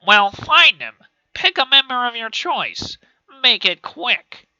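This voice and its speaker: A man's voice: medium pitch, brisk, pushed and bright, dry recording. A man voicing a bossy, impatient male agency chief who gives curt orders, on a dull lo-fi recording. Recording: dull lo-fi dry home recording.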